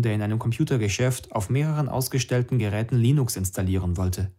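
A man reading a first-person novel aloud in a calm, even storytelling voice. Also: medium pitch. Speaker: narrator. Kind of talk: audiobook narration.

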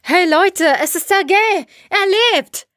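A woman reading the part of an eager young male cosmonaut whose voice leaps up when excited. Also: on the high side, unhurried, no room sound, clean studio sound. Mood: euphoric.

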